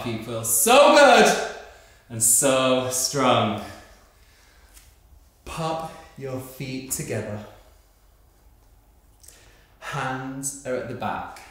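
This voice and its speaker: Male fitness instructor, 30s, encouraging and exerting himself, very slow spaced delivery, strongly reverberant room. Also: mid-range voice. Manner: encouraging, counting down reps. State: exerting himself while exercising. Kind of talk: upbeat workout coaching. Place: bright indoor home studio room, exercising on a mat. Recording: very echoey hard-walled room.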